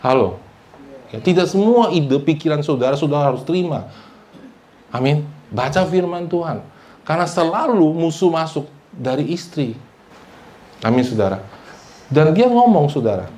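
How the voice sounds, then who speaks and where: A man with a fairly high voice preaches a sermon. He keeps calling out to his listeners and asking for amens, slipping English phrases in among his words. His delivery rises loud for emphasis and drops low and soft. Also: expressive, moderate pace, long pauses. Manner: preaching with frequent calls of "saudara" and "amin", mixing in English phrases. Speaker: pastor.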